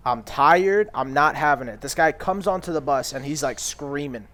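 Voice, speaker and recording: A young man co-hosting a casual podcast, telling a rambling, profane story and loudly acting out the people he quotes. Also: fairly high pitch, normal speed. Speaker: podcast co-host.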